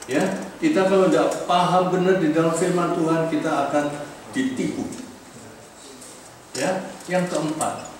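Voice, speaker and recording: A man preaching a sermon, lively and often putting questions to his listeners. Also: on the high side, unhurried, pauses often. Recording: echoey hall from far off, noisy.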